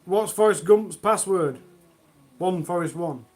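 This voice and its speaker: A man's voice: high voice, unhurried, darkish tone. A man hosting a long charity livestream from home, reading out corny jokes and mocking them himself. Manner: self-mocking, groans at own jokes. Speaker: livestream host.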